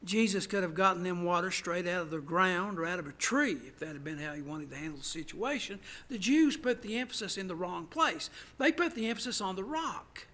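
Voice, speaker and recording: A man, a pastor, teaching a Bible study, stressing words loudly and then dropping to hushed asides. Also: sits high. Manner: emphatic, swings from loud stresses to hushed asides. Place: church.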